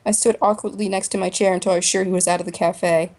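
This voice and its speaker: A woman narrating a story in the first person for a voice drama, in a plain, even way. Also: on the low side, fast talker. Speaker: narrator and main voice actor.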